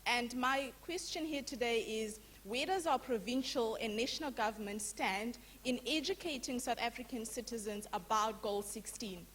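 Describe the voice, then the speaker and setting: A woman's voice: a little high, fairly bright tone, a little hiss or hum. A woman from Zimbabwe who works with young people, putting a formal, earnest question from the floor of a public lecture. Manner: formal and earnest, with deliberate emphasis. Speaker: youth worker asking a question.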